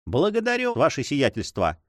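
Man doing a cold greedy spy, audiobook, coolly polite, deferential, lively pitch, dry close sound. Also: moderate pace, no echo. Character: cold, calculating male spy, greedy for gold. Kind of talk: audiobook reading.

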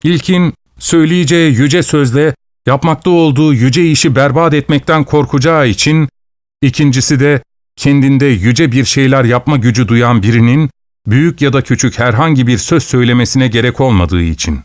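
Man, audiobook narrator, measured literary storytelling, middle pitch, dry close recording. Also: no echo.

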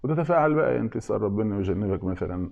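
A man's voice: lowish voice, expressive, very fast, creaky, a little mellow, lo-fi sound. A man with an Egyptian accent giving an informal religious lesson, often asking his listeners questions and answering them himself. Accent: Egyptian Arabic. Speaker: religious teacher.

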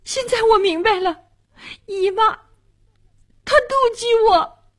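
A woman voicing a distraught young girl in a radio storytelling, pleading high and close to tears. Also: slow pace, fairly bright tone, exaggerated voice. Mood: hurt. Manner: high, pleading, near crying.

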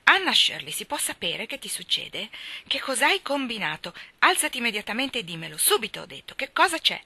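A woman reading a storybook and voicing a strict middle-aged woman who scolds briskly. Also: lowish voice, lively intonation, bright, forceful tone, no echo, exaggerated voice. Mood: stern.

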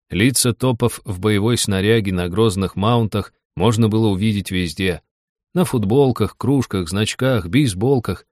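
Low-voiced guy reading an audiobook, steady and even, dry close mic. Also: no echo. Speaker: audiobook narrator. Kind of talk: scripted first-person narration.

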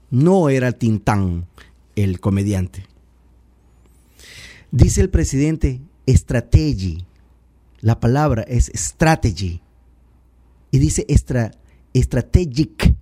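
A man's voice: medium pitch, expressive, slow, long pauses, warm tone, dry recording. A man from Ecuador, giving political commentary in a sarcastic, pedantic and critical way. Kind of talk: radio-style political commentary.

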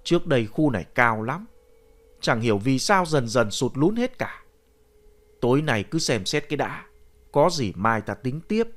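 A male narrator voicing a gruff old grandfather, a grave digger who curses and scolds bluntly. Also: mid-range voice, big pitch swings, normal speed, fairly bright tone. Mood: musing.

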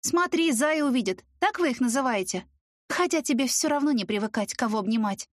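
Woman doing a young sharp-tongued student, high mocking voice, dry close sound, storybook. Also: animated, brisk, no room sound. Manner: mocking and raised.

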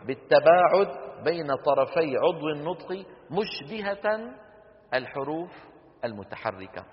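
A man lectures a class on Quran recitation, pausing to quiz the room and model sounds for them to repeat. His voice sits a little high for a man. The recording is dull and lo-fi, with a long hall reverb trailing each phrase. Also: expressive. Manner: explanatory, quizzes class with rhetorical questions, demonstrates sounds.

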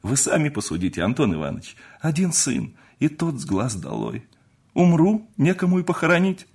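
A man's voice: on the high side, huge pitch swings, normal speed, creaky, darkish tone, slightly rough, voice pushed up, heavily acted. A man voicing an elderly mother, a country landowner, who laments and pleads in a raised voice. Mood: tearful.

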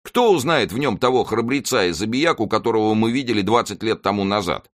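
A man's voice: on the low side, brisk, pitched above the performer's own voice, natural voice. A man voicing a fussy middle-aged male servant in an audiobook, whining and pleading in a raised voice.

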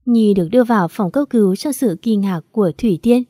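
Mellow woman narrating a sad story. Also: medium pitch, fast talker, no room sound, studio quality. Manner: emotional, mournful reading. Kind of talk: dramatic audio story narration.

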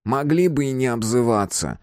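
A man's voice: mid-range voice, lively intonation, normal speed, dry recording, pitched above the performer's own voice, lightly acted. A scruffy homeless man, meek and self-pitying, speaks in a nasal, thin voice set above the reader's own, as a male narrator voices him. It is a storybook telling, dry and close. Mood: hurt. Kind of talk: audiobook character voice.

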